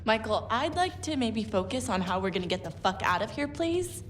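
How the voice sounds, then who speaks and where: A sharp, impatient young woman. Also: a little high, very animated, moderate pace, slight background noise. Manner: curt, impatient. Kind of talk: video game performance.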